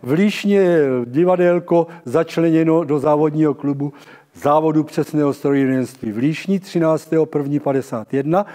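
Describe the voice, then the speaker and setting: An elderly man giving a public lecture, halting and correcting himself as he addresses his listeners. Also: on the high side, warm tone. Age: 70s. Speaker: lecturer on local theatre history. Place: large dim auditorium with stage and seated audience. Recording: reverberant hall, long echo.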